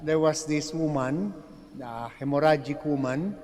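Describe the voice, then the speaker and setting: Priest in cathedral echo. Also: male voice, fairly high pitch, darkish tone. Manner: slow and measured, with frequent pauses and filler sounds. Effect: long cathedral echo. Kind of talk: gospel reading and homily at Mass. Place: large church. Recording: long church reverb.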